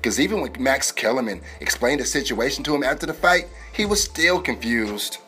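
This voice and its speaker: A man's voice: mid-range voice, animated, fairly quick, pushed and bright. A man hosting a podcast, reading a scripted comedic sports news monologue in a slangy, wisecracking way. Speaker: podcast host. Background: music bed.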